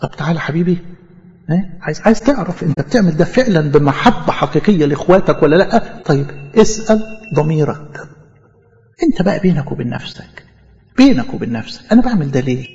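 A man's voice: a little high, animated, fast, creaky, a little mellow. A man preaching a sermon in Egyptian Arabic, talking conversationally and acting out imagined speakers in church. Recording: muffled audio with long hall reverb.

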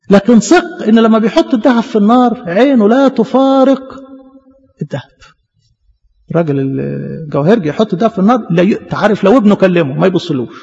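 An Egyptian man preaches a sermon as a priest, fast and impassioned, with rhetorical questions. His voice is gravelly and warm. The dull recording carries the long reverb of a church hall. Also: high-pitched. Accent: Egyptian Arabic.

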